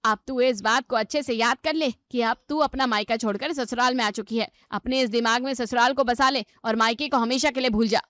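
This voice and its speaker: A woman's voice: a little high, fairly even intonation, brisk, few pauses, fairly bright tone, dry recording, lightly acted. A woman voicing a proud, harsh middle-aged mother-in-law in a cartoon story, scolding and domineering.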